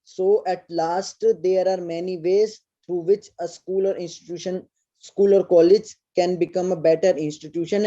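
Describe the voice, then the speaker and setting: A young male college student answers his teacher in an earnest, polite way, hesitating often. His voice is very dark and monotone, and the recording sounds dull and lo-fi. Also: high voice. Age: young adult. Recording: dull lo-fi audio.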